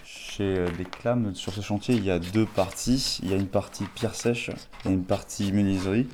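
Hesitant young man with a low voice. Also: fairly even intonation, normal speed, darkish tone, slight background noise. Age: 20s. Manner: hesitant, many restarts and fillers. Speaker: student volunteer. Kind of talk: casual interview answers. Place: volunteer work site.

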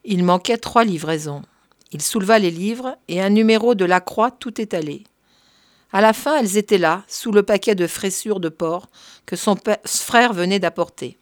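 A woman's voice: medium pitch, no echo. Woman reading a story, dry close sound. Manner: measured, even reading. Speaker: reader. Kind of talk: storybook narration.

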